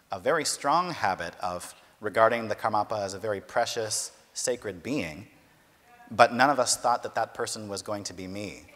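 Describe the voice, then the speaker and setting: Low-voiced male interpreter in a hall. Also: fairly bright tone. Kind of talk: consecutive interpretation of a talk. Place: large university lecture hall. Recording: long hall reverb.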